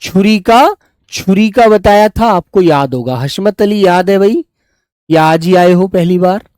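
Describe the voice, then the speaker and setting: A man's voice: high-pitched, a little slow, a little mellow, clear, resonant tone, dry recording. Coaxing male teacher in a dry room. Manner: coaxing, addresses students as beta. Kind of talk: live online quiz class.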